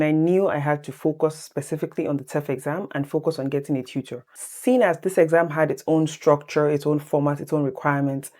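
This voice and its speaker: Here a deep-voiced woman in her thirties, a native English speaker, recounts her exam experience straight to the camera as a tips vlog. She's lively and talkative, laughs easily, and keeps calling her viewers "guys."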